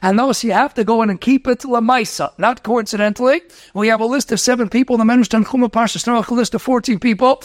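A rabbi lecturing on Torah, talking quickly, mixing in Hebrew and Yiddish terms, asking rhetorical questions and telling stories. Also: male voice, very high-pitched, no room sound, studio quality. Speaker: rabbi teaching a Torah class.

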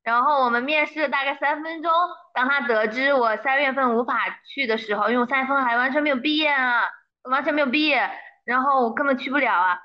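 A young woman talks fast and eagerly as a guest in a casual interview, her voice a little high. She slips English phrases into her story. The recording sounds dull and lo-fi. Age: young adult.

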